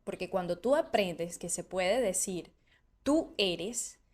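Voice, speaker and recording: A woman's voice: lowish voice, expressive, slow, darkish tone. A woman teaching in an online lesson, explaining at length and acting out learners' doubts with rhetorical questions. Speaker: Spanish teacher.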